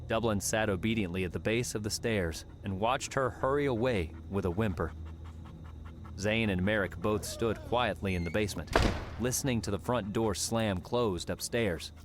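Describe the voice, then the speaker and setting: In a dramatic, scripted audiobook reading, a low-voiced man tells a story at a moderate pace. Faint background noise is audible behind him.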